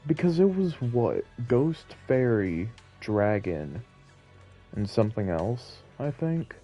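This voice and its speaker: Over video game music, a man with a warm, medium-pitched voice talks slowly yet very animatedly as he streams, offering casual, rambling, self-deprecating musings to viewers. The sound is lo-fi.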